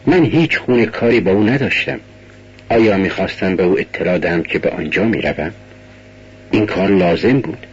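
A man's voice: low-pitched, animated, slightly rough, muffled recording, pitched below the performer's own voice. A man doing a tormented, guilt-ridden young man. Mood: brooding. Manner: agitated, bitter outbursts.

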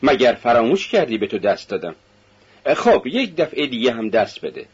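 A man reading a novel aloud, voicing an affectionate young woman speaking to her brother in a husky voice. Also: mid-range voice, big pitch swings, dull audio.

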